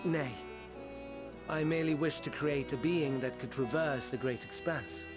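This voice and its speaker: A slightly high, unhurried male voice, lightly acted, plays a courteous and learned scholar explaining matters in old-fashioned language. The clip is a game cutscene with music underneath.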